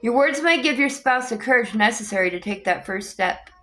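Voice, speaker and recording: A woman reading a book aloud in a calm, measured way, with an occasional small restart. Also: a little high. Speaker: audiobook reader.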